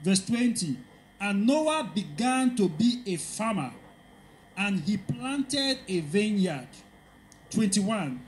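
Male scripture reader, unhurried and even, reads verse by verse. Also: sits high, slight background noise, low-quality recording. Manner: steady, careful reading, calls out verse numbers. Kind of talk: reading Bible verses aloud.

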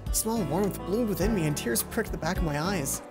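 A young let's play streamer reads a visual novel aloud into a headset mic, game music behind him. His voice is high-pitched and fairly quick, with lively intonation. He is playful and self-mocking, stumbling over words in his asides.

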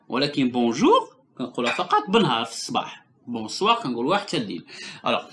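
A woman with a Moroccan accent teaching French to a child, patient, asking questions and repeating sounds slowly. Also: sits low, noisy background. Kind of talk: bilingual language lesson with a child.

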